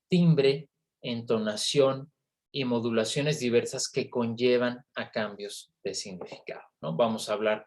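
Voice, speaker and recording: A man's voice: mid-range voice, darkish tone. A man giving an online university lecture on phonetics, explaining patiently and checking in with frequent tag questions.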